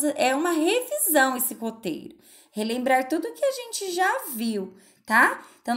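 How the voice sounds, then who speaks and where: Lively woman teacher explaining to kids. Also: on the high side. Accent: Brazilian Portuguese. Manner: patient, questions and answers herself. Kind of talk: recorded remote lesson for children.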